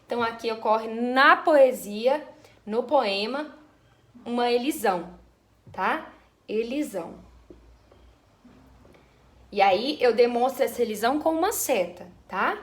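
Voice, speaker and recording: A woman's voice: fairly high pitch, animated, takes it slowly, long pauses. A woman teacher giving a school lesson, explaining step by step in an affectionate way. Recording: echoey room.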